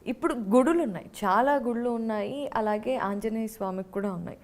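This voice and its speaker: Woman interviewer, slightly high voice. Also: a little fast, a little mellow. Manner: short affirming interjections, polite questions. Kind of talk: respectful interview.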